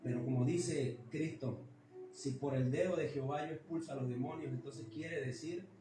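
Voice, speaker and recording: A man preaching a fiery Pentecostal sermon, emphatic and repetitive, rising to sudden high stresses. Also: normal speed, background noise. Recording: echoey church hall, mic far off. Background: worship music.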